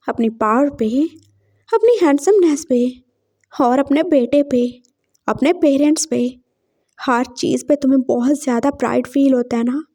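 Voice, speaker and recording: A woman's voice: high voice, mellow. A woman voicing a young man who swears revenge while playing sweet, in a fan fiction story read aloud. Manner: bitter, threatening inner monologue. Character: young man, vengeful, sweet to his face.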